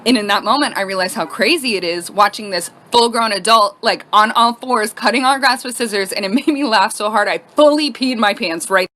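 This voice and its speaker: A woman in her thirties telling a casual, animated storytime and acting out the other voices. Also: mid-range voice, brisk, few pauses. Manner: animated, acts out quoted voices.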